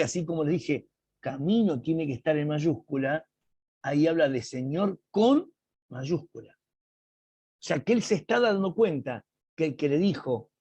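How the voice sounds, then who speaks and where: A man teaching an online Bible class over a video call, explaining slowly and emphatically and reading quotes aloud with drama. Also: on the high side, a little mellow, slightly rough, dry recording.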